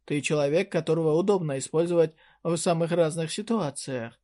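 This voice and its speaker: A man's voice: a little high, a little fast, mellow, natural voice. A narrator voicing a young male fantasy hero, close to the narrating voice, with dry, blunt retorts. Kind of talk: audiobook character reading.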